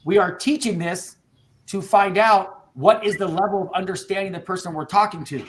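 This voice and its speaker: An insurance agency owner gives his agents an energetic, casual training talk over a video call, fired up and tossing out "dude" and "bro." His voice sits high, he speaks at a normal speed, and background noise can be heard.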